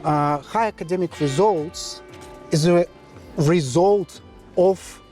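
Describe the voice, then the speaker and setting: A high-voiced man from Kazakhstan, working as an interviewer and education agent, conducts a conversational interview. His voice is mellow, and he speaks haltingly with frequent hesitant pauses while faint music plays behind him.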